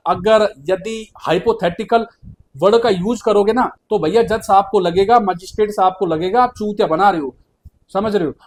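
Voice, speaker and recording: A man speaks straight to his viewers in an advice video, with a voice pitched noticeably high for a man. His talk is informal and blunt. He keeps stopping to check that they are following. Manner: informal, repeatedly checks the listener understands; addresses viewers as brother, blunt colloquial phrasing. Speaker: legal advice video host. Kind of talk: direct-to-camera advice talk.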